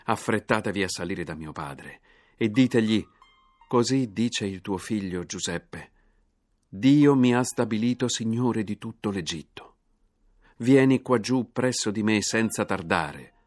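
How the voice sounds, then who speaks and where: A man's voice: fairly low pitch, expressive, measured pace, a little mellow, faint music behind. A man reading aloud as a noble ruler revealing himself to his brothers, solemn and lifting his voice. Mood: moved. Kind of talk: scripted reading.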